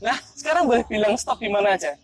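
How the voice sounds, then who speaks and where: A man's voice: high voice, lively intonation, fast talker. Young man, street magician, teasing chatty patter, outdoors in a park. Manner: playful, teasing, chatty with strangers. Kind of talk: casual street performance patter.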